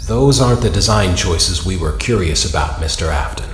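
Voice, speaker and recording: An actor playing a polite, measured official questioning an inventor in scripted game dialogue. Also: male voice, deep voice, lively intonation. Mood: measured, skeptical. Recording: echoey hall, long reverb, noisy clip.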